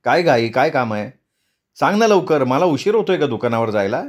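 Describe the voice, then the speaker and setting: A man's voice: mid-range voice, sing-song, moderate pace, close to an everyday voice. A man voicing an impatient grown son who scolds his mother, in a read-aloud story. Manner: scolding, nagging.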